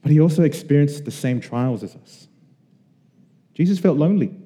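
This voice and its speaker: Man from Australia, pastor, sermon, earnest conversational preaching, very dark mellow tone, long hall reverb. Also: on the high side, lively intonation, normal speed.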